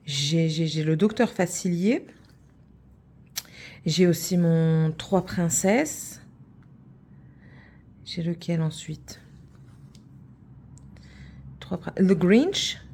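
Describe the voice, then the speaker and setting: Crafts vlogger lady, lowish mellow voice, rambling chatty talk, pokes fun at herself. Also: animated, drawn-out words, pauses often. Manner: chatty, rambling, self-teasing. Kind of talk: casual chat to viewers.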